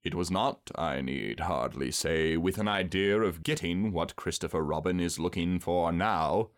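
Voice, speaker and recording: A man voicing a gloomy, pompous, self-pitying donkey in a drawn-out, sardonic manner for a storybook. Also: low-pitched. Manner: ponderous, drawn-out, sardonic speech-making.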